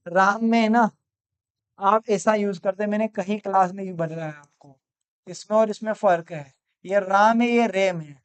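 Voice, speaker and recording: A man teaching an English class live online from a mobile phone, slowly repeating each sentence, calling out students by name and praising their answers. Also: sits high, clear, resonant tone.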